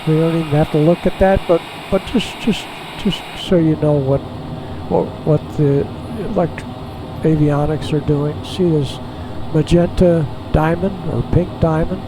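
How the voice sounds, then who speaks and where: A man flying a small jet who talks through each step in a relaxed, halting way, heard over a pilot headset in the cockpit. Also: on the high side. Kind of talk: casual narration while flying. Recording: steady cockpit and engine noise.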